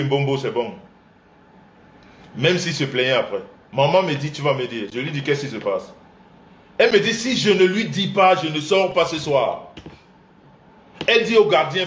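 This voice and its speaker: A man host of a live couples show, telling a family story with animated voices and frequent laughter. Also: on the high side, normal speed, reverberant. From Central Africa. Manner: acts out his mother's and father's voices, laughing often. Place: indoor room, livestream.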